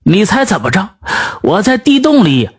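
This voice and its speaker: A man's voice: high voice, big pitch swings, moderate pace, slightly rough, pitched above the performer's own voice, heavily acted. A man voicing a kindly old village grandfather who dotes on his grandson and talks in a chatty, fond way.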